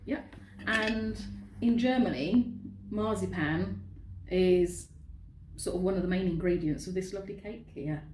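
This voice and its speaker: A woman co-hosting a casual chat, gentle and explanatory, often speaking softly. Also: on the low side, a little slow, a little hiss or hum. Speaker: co-host. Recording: roomy.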